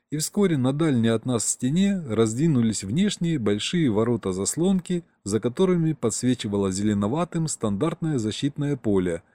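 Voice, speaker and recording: A man narrating a first-person audiobook with lively, ironic storytelling. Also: mid-range voice, no echo.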